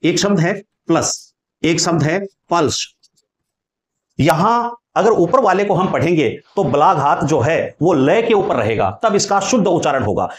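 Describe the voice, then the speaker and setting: A man's voice: fairly high pitch, sing-song, moderate pace, few pauses, reverberant. A man teaching Hindi grammar in a lecture style, explaining patiently, repeating key points and drawing out sounds as examples while writing on a board.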